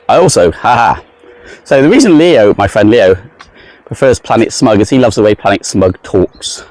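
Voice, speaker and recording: Man, handheld vlog on a walk, rambling, self-deprecating, dry close sound, mid-pitched voice. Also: a little mellow, no echo. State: sweaty in the heat. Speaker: travel vlogger. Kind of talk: casual walking vlog monologue. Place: outdoors, walking around a lake.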